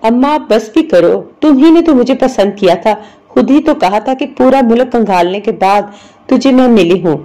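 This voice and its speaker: Woman narrator voicing fed-up young daughter-in-law talking back, mellow tone. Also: on the high side, expressive, natural voice. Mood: exasperated.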